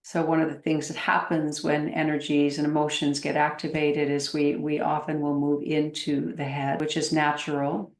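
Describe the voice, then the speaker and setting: A meditation teacher, female, leads a guided practice in a gentle, unrushed way, pausing for long stretches. She sits low and speaks in a monotone, and the recording carries a spacious echo.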